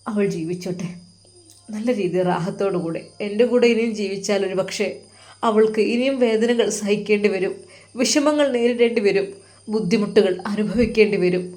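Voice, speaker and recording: A woman voicing a heartbroken, self-sacrificing young man speaking in a hushed, sorrowful tone. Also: mid-range voice, normal speed, lightly acted. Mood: grieving, hushed. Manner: hushed, sorrowful inner monologue.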